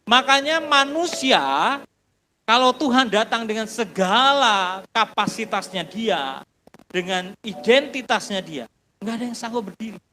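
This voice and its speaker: A man preaching a sermon as pastor, swinging between loud bursts and hushed passages and often addressing the congregation directly. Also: sits high, animated, a little slow, long reverb tail, a little hiss or hum, rough recording. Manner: preaches with sudden loud bursts and hushed drops, calls listeners "saudaraku".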